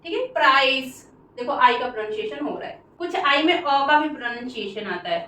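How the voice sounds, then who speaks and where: A woman with an Indian accent teaching English pronunciation, saying each word slowly and repeating it for the class. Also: high-pitched, expressive, sharp tone. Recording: echoey room, voice from far off.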